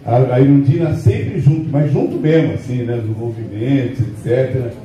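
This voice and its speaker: A man's voice: medium pitch, normal speed, dark tone, slight background noise. A man reminiscing to a meeting in a rambling, conversational way, often tagging questions onto his sentences. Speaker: union founder speaking at a meeting. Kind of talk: reminiscing speech to members. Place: meeting hall. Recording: echoey hall, voice from far off.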